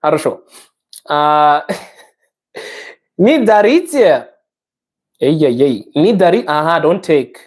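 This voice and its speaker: A woman live-streamer, a native English speaker with an English-speaking accent in Russian, chats casually and playfully with viewers, sounding out Russian words haltingly and slipping into English. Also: low voice, big pitch swings, darkish tone. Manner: playful, self-deprecating.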